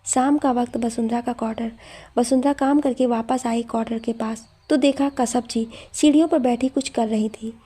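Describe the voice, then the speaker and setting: A woman reads a scripted story aloud in a calm, steady manner. Her voice is husky and mellow, and it sits a little high for a woman. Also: normal speed.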